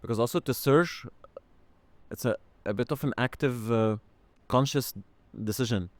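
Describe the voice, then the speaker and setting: Podcast host, male, mid-pitched, halting and earnest, dry close mic. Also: dry recording. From Syria. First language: Arabic. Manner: halting, searching for words, earnest. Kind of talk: reflective podcast conversation.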